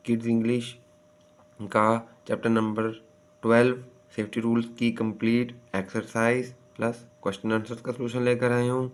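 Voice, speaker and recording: Pakistani guy teacher going thru a kids english exercise, reads real slow and careful, mid pitch. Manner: deliberate, reads English lines slowly, then explains. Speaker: teacher explaining a textbook exercise. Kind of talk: slow bilingual lesson, reading then translating.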